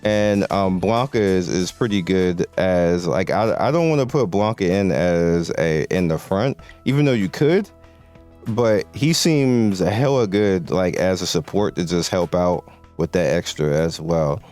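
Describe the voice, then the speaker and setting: With faint music in the background, a mobile game content creator delivers laid-back, slang-heavy commentary full of restarts while losing his voice. He speaks a little slowly in a low, darkish voice.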